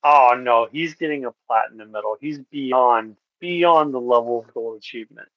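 Podcast guy chatting casually, kinda rambly, mid pitch, dull lo-fi sound. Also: normal speed, no room sound. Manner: rambling, many fillers and restarts. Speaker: podcast co-host. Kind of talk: casual chat.

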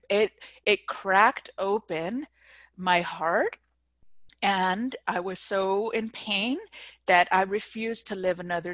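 A woman's voice: medium pitch, no echo. Earnest middle-aged woman, dry close sound. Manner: earnest and emphatic, with frequent restarts. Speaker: entrepreneur guest. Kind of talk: personal story in a podcast interview.

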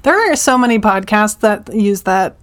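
A woman's voice: mid-range voice, animated, moderate pace. Bubbly woman talking in a closet. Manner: bubbly, teasing banter. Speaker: podcast co-host. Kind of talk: casual chat. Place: inside a small closet.

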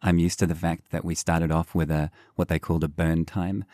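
A man hosts a relaxed interview. His voice is deep, he sounds friendly and chatty, and the recording is dry and close. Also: a little fast, dry recording. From New Zealand. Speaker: podcast host. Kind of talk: casual interview chat.

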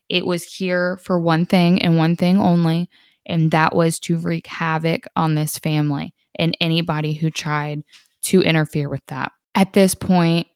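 A woman casually retelling paranormal stories, unhurried, with musing asides and the odd restart. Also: on the low side, smooth, no room sound, studio quality. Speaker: storyteller.

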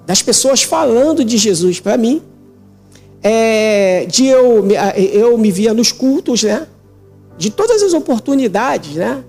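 Gravelly man giving an emotional testimony. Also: extremely high pitch, a little mellow. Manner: emotional, repetitive with frequent "né?". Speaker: interview guest giving testimony. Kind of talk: religious testimony of a vision.

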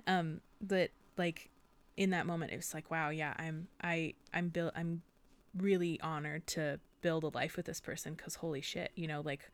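A woman's voice: deep voice, fairly even intonation, normal speed. A young woman co-hosting a podcast, chatting casually and getting emotional, with frequent laughter. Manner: gushing, emotional, laughs often. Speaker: podcast co-host. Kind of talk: casual chat.

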